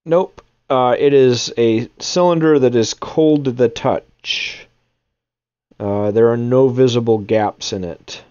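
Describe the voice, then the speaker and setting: A man's voice: mid-range voice, slow pace, darkish tone, clear, resonant tone, dry recording, lo-fi sound. A man narrating a tabletop game casually as game master.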